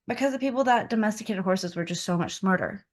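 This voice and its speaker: A woman co-hosting a podcast in relaxed, casual chat. She reads search results aloud as she finds them and often lets her sentences trail off. Her voice sits at an ordinary middle pitch. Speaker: podcast co-host.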